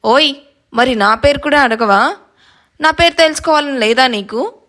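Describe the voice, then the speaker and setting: A woman's voice: high-pitched, normal speed, a bit bright. Cheeky young man on the phone, playful and teasing, read by a woman narrator.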